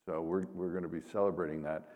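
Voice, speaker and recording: Speaking fast and flat, a deep-voiced older man with a darkish tone addresses a congregation informally in a big church space. He's a seminary professor and missionary pastor, and his words ring out with the long echo of the reverberant hall.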